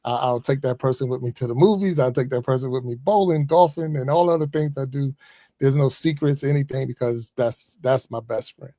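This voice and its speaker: A man in his fifties with a gravelly, low-fry voice speaks as a guest on a podcast, a former pastor in relaxed conversation. He is chatty and easygoing, and the sound is close and dry. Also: fairly quick, no echo. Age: 50s. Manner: relaxed, chatty, frequent chuckles and asides. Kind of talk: casual conversational interview.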